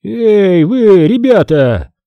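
A man voicing a grumpy old man who sells junk, with a creaky, scolding voice. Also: sits high, very animated, extremely slow, no room sound, dull audio, voice pushed up, exaggerated voice. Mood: angry. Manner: angry, scolding.

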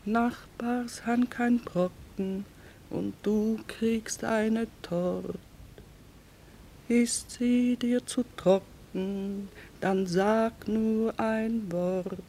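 A worn, grieving mother speaks with creaky voice and very drawn-out pacing. She, in a radio play with faint rumbling noise. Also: fairly even intonation, mellow. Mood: tender grief. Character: weary, grieving mother, hardened war-time trader. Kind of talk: radio drama acting with crooned lullaby.

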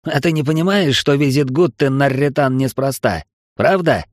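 A man's voice: medium pitch, normal speed, no room sound, studio quality, close to an everyday voice. A man voicing Eltmar, a sneering alien outlaw. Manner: sneering, mocking. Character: bitter spiteful alien male outlaw officer with tail spikes. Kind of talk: audiobook character voice.

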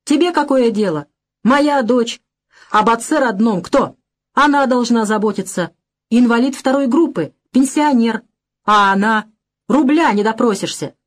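A woman doing a hoarse drunken old father. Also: animated, unhurried, a little mellow. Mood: blustering. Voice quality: hoarse angry bass. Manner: slurred drunken bluster. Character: drunken unshaven older male father, surly.

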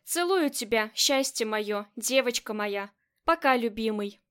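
A cool, commanding lady crime boss with a high, light voice, clipped and self-assured, speaking as an audiobook character voiced by the woman narrating. She never raises her voice and sounds used to being obeyed. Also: animated, measured pace, a bit bright. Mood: casual. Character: cold commanding female crime boss, middle-aged.

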